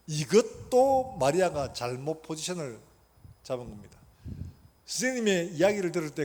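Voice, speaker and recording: A man's voice: a little high, a little mellow. A man preaching a sermon as pastor, emphatic and asking the congregation questions that he then answers himself. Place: church sanctuary. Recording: long church hall reverb, faint noise.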